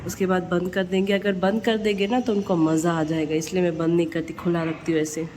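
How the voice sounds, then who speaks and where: A woman's voice: lowish voice, little pitch movement, brisk, a little mellow, slight background noise. Chatty young woman vlogging at home. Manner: chatty, self-mocking, laughs at herself. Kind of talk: casual home vlog narration. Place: family home, indoors and on a rooftop.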